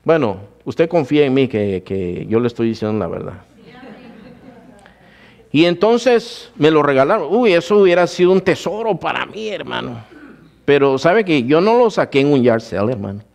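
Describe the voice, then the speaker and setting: A man's voice: on the high side, very animated, moderate pace, gravelly, a little mellow. A man preaching a sermon, telling his own testimony and calling his listeners brother. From Guatemala. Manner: addresses listeners as brother, storytelling.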